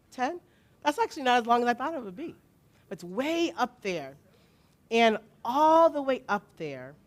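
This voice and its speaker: A woman leading a congregation in learning a song, playful and encouraging, her voice a bit worn from being recently lost. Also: mid-range voice. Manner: playful, encouraging, slow and deliberate. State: recovering from a lost voice. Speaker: song leader at church service.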